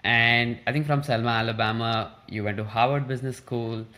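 A man's voice: mid-range voice, steady tone, moderate pace, pushed and bright. A man hosting an interview, asking questions and affirming the guest attentively. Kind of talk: interview questions and brief backchannels.

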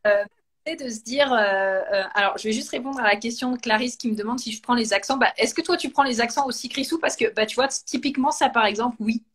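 A woman talks casually with a guest, turning her thoughts over as she goes. Her voice sits a little high, and she trips into restarts and fillers. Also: quick pace, fairly bright tone, husky. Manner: thinks aloud with many fillers and restarts. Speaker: coach and host. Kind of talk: casual conversation, live video.

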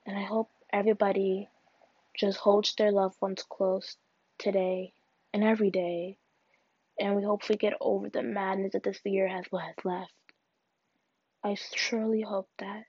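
A young woman hosting a solo podcast, talking in an earnest, halting way with restarts. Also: mid-range voice, flat delivery, slightly rough, no room sound. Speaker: podcast host. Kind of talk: solo personal podcast reflection. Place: alone at home. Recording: dull, dry lo-fi recording.

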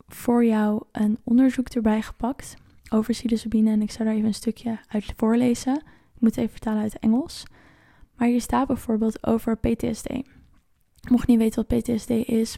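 A woman with a fairly high, warm voice and a gravelly edge explains things to viewers in a chatty, informal way, now and then searching for the right words. The sound is close and dry, with no room echo. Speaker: trauma coach hosting an online challenge.

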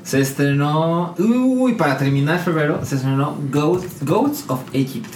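A man's voice: on the high side, lively intonation, a little slow, a little mellow. Mexican male panelist, casual conversational delivery, echoey noisy room. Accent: Mexican Spanish. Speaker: podcast panelist. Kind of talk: casual chat. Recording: echoey room, background noise.

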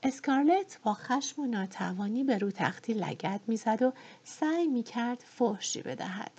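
Woman narrator, audiobook reading, warm mellow tone, husky, measured and expressive. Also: on the high side. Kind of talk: scripted novel narration. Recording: dull lo-fi recording.

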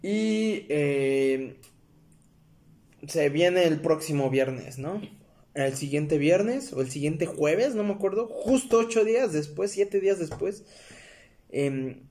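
Chatty young Mexican guy, a bit high. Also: animated, slow pace, mellow. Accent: Mexican Spanish. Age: young adult. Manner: rambling, full of fillers and self-corrections, addresses viewers as friends. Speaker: vlogger. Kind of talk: casual storytelling to camera.

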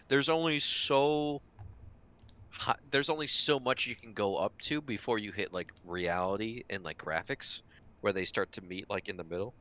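A man co-hosting a gaming podcast, chatting casually and animatedly, filling his talk with "like" and restarts. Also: on the low side. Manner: animated, heavy use of "like", many restarts. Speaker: podcast co-host. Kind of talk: casual chat.

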